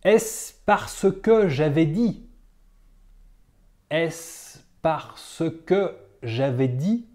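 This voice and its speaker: A teacher reading a dictation aloud, saying each phrase several times with careful, deliberate phrasing and calling out the punctuation. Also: medium pitch, expressive, a little mellow.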